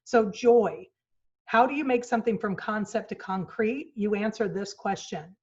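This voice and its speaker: A woman in her forties speaks at a virtual retreat with an earnest storytelling manner, acting out quoted lines. Her voice sits at an ordinary middle pitch. The sound is a little dull and muffled, like audio from a video call. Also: moderate pace, a little mellow. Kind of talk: motivational talk. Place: home office. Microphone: video call mic.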